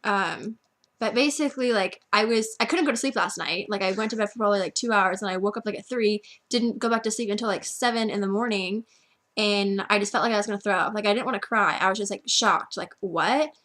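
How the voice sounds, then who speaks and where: A woman's voice: mid-range voice, fast talker, a bit bright. A teenage girl casually telling a friend a story at home, filling every phrase with "like". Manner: chatty, constant "like" filler. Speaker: vlogger.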